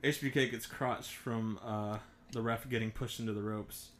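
A man's voice: fairly low pitch, fairly even intonation, moderate pace, a bit bright. A man co-hosting a podcast, recapping a wrestling match move by move in a laid-back way. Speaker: podcast co-host.

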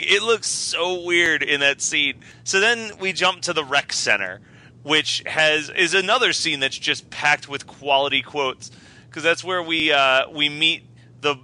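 A man co-hosting a casual movie podcast, talking in an excited, rambling way. He laughs often and swears freely. His voice is very bright and a bit high. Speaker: podcast co-host. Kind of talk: casual movie review chat.

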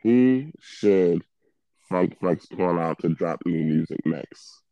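A man co-hosting a podcast, his fairly low voice turned robotic and metallic by a glitching mic. He talks in a laid-back, unhurried way, pausing on fillers, and the sound is dry and close. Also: expressive, warm tone, no echo, muffled recording. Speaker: podcast co-host. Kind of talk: casual chat.

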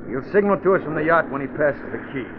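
A man plays a cocky gangster boss in an old radio crime drama, gloating in a fairly high voice. The sound is narrow and thin, with clear engine noise behind him. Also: expressive, fast talker, close to an everyday voice.

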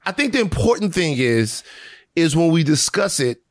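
A man's voice: on the high side, big pitch swings, normal speed, no echo, studio quality. A male podcast host who talks in a joking, self-mocking way. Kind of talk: podcast conversation.

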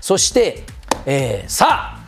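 Animated man with a gravelly voice. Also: medium pitch, takes it slowly, music in the background. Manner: polite, formal, with many fillers. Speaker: political commentator. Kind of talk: explaining politics on a TV talk segment.

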